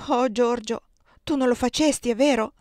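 A woman reading as a gentle, frightened young wife. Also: on the high side, steady tone, normal speed, no room sound, clean studio sound, lightly acted. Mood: pleading, fearful.

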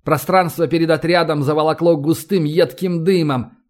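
A man narrating an audiobook in a steady, measured reading voice. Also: on the high side.

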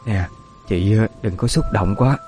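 A man voicing a middle-aged aunt who consoles gently, hesitating with filler pauses. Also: fairly low pitch, faint music behind, close to an everyday voice. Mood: consoling.

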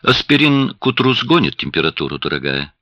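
A man's voice: fairly low pitch, sing-song, brisk, bright, forceful tone, no echo, muffled recording. A man reading an audiobook, voicing a tired, short-tempered young father who keeps his tone guarded. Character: weary, irritable young father and doctor.

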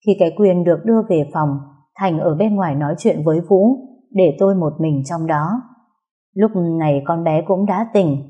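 A woman's voice: lowish voice, mellow, breathy edge. A woman narrating a first-person story in an earnest, emotional reading.

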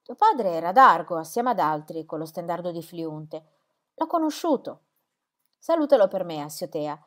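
A woman reading a novel aloud voices a confident young male athlete in an even, knowing tone. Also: fairly low pitch, moderate pace. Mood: teasing.

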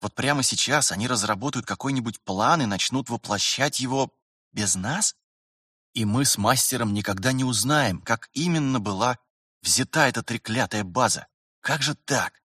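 A man's voice: mid-range voice, normal speed, sharp tone, slightly rough, no room sound, studio quality. A man voicing an eager young male trainee who pleads and protests with pointed questions. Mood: indignant.

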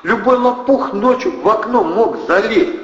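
A man's voice: normal speed, close to an everyday voice. A man reading an audiobook plays a distraught woman whose voice breaks into shrieks. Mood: shrill. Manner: shrill, tearful. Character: distraught young woman, shrill. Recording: dull, roomy, long reverb.

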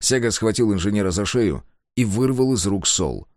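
A man narrating an audiobook in an expressive reading voice. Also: fairly low pitch, normal speed, no echo, studio quality. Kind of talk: scripted narration.

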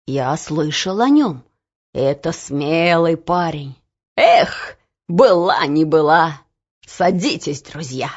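A kindly old coachman speaks low and gruff, as a woman puts him on. His voice is husky and unhurried. The recording sounds dull and lo-fi. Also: lively intonation, heavily acted. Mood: good-natured.

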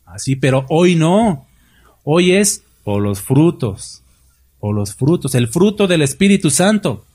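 A middle-aged man with a Mexican Spanish accent preaches with fervor, his voice slightly husky and pitched a bit high. He keeps asking his listeners rhetorical questions and acts out short quotes as he builds his points. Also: very animated, takes it slowly, darkish tone. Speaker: pastor. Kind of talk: sermon.

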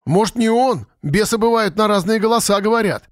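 A man's voice: high voice, moderate pace, no room sound, clean studio sound, pitched above the performer's own voice, natural voice. Man playing a superstitious village boy. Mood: warning. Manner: warning, fretful.

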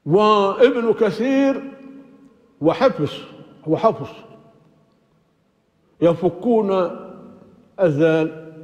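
An older man with a high but mellow voice teaches grammar to a class, patient and methodical, asking his own questions and answering them. The lo-fi recording is dull and muffled. His words ring on in a long hall reverb. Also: expressive, drawn-out words, pauses often. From Libya. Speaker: sheikh teaching Quranic exegesis.

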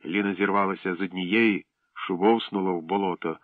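A man reading a children's adventure story aloud in a steady, measured way. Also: deep voice, dry recording, far from the mic. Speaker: narrator. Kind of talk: audiobook narration. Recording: dry tinny phone-like sound.

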